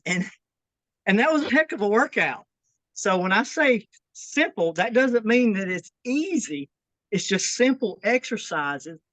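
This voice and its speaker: A woman coaching a workout over a video call. She sounds a little winded and keeps urging people to keep it simple. Her voice is mid-pitched, and the sound is dry and close, with no room echo. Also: a bit bright. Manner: encouraging, repeats "keep it simple, guys". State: out of breath. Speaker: fitness instructor. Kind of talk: workout demonstration and advice.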